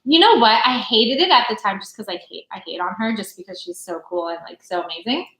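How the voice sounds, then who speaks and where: A woman's voice: medium pitch, lively intonation, fast, pushed and bright. A young woman co-hosting a podcast in casual chat, bubbly and giggly, full of "like". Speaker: podcast co-host. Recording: echoey room.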